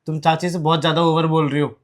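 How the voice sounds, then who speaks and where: A woman's voice: low-pitched, level tone, quick pace, close to an everyday voice. A woman playing a young husband caught cheating, who defends himself and begs forgiveness in a comic family skit. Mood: pleading. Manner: defensive, wheedling, pleading.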